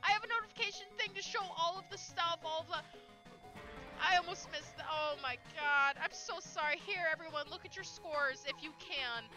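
A woman live streamer chatting excitedly at home, squealing, laughing and swearing as she thanks her viewers. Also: extremely high pitch, brisk, over music, rough recording.

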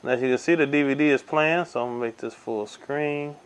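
Seated at a table indoors beside window blinds, a tech reviewer gives a casual hands-on demo, narrating each step with lots of ums and uhs. His voice is medium-pitched, clear and resonant, and he talks a little fast.

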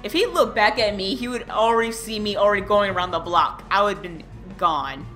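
A woman's voice: medium pitch, a little fast, pushed and bright, soft background music. A woman giving casual, chatty, playful game commentary, reacting and reading dialogue aloud. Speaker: gamer playing and commenting.

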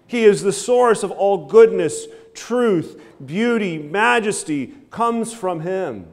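A pastor in his thirties preaches at a wooden pulpit in a church sanctuary, with a slightly high voice. His pitch swings widely as he gestures and drops to low endings on key phrases, often checking in with "right?". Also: slow pace. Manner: animated preaching with frequent "right?" asides and hand gestures. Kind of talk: sermon.

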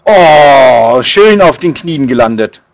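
A man playing a game with a friend in casual banter, calling out directions over and over in a lively voice. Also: mid-range voice, gravelly. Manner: lively, shouts out directions in rapid repeats. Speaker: let's play co-player.

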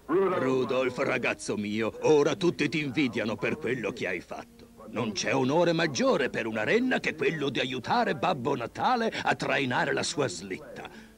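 An actor playing a jolly old Santa Claus in a vintage cartoon dub, with a hearty, exclamatory manner. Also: male voice, mid-range voice, sing-song, measured pace, gravelly, fairly bright tone, faint music behind, heavily acted. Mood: proud, fatherly.

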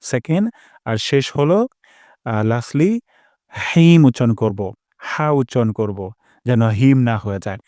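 A man of middle pitch gives a recitation lesson, close to the mic with no room sound at all. He explains in a plain teaching voice and breaks into slow, drawn-out demonstrations, repeating each sound carefully. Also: animated, warm tone, no echo. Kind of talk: pronunciation lesson.

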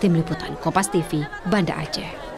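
A woman field reporter, reading a news report in a steady, formal voice. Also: sits low, moderate pace, vocal fry, crowd noise.

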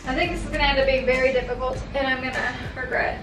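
A woman's voice: high-pitched, steady tone, fast talker, over music, rough recording. A young woman chatting casually in a home vlog, bubbly and full of filler words. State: out of breath. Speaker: vlogger. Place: her bedroom at home.

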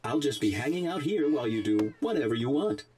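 An actor playing a formal, matter-of-fact robot guide in a video game, heard through a robot voice effect. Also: male voice, mid-range voice, lively intonation, a little fast. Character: helpful museum robot guide, dry and formal. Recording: game audio with background noise.

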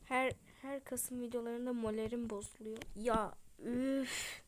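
A woman chatting casually over her gameplay, whiny and grumbling, pleading with the game and dropping into quick whispered asides. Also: on the high side, steady tone, a little hiss or hum. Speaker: gaming channel host.

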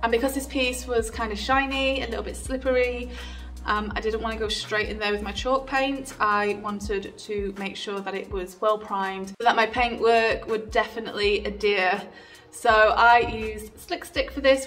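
Female tutorial host, easygoing and chatty, a bit off-mic, soft music behind. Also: mid-range voice, recorded from a distance. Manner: chatty, relaxed, with frequent ums. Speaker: furniture painting tutor. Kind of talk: casual tutorial voice-over.

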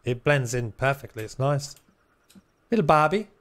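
A man's voice: medium pitch, expressive, normal speed, fairly bright tone. A man giving casual, chatty live gameplay commentary with some teasing. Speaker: game streamer.

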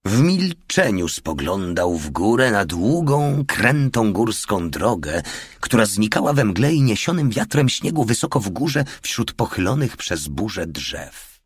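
Deep husky guy reading an audiobook, steady and measured, dry close sound. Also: no echo. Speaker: audiobook narrator. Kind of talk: audiobook narration.

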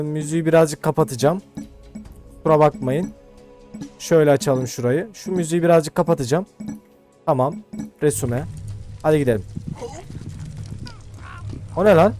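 A young man casually commenting as he plays a video game for his channel, chatty and slangy, thinking out loud as he goes. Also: a little high. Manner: chatty, slangy, thinks aloud while playing. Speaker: gaming YouTuber. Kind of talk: casual let's-play commentary.

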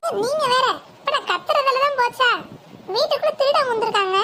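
A performer voicing an excitable housewife who panics and shouts about a thief. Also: very high voice, a little fast, slight background noise. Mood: shouting. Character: excitable housewife, older sister-in-law.

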